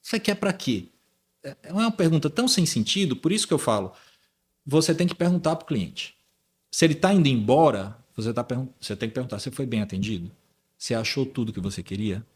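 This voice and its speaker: Host: Brazilian man, mid-pitched, lively storyteller who imitates the people he quotes. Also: fast, husky. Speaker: podcast host. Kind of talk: casual podcast chat.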